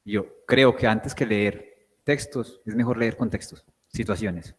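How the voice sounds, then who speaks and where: A man's voice: lowish voice, slow pace, slightly rough, long reverb tail. A man giving a guest lecture, explaining word parts and often asking "right?" to check that the class follows. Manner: explains with questions, checks understanding with "¿sí?".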